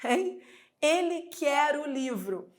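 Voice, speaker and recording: A woman with a Brazilian Portuguese accent teaches grammar in an online exam-prep lesson, drawing out her examples and posing rhetorical questions. Her voice sits high, animated and slow.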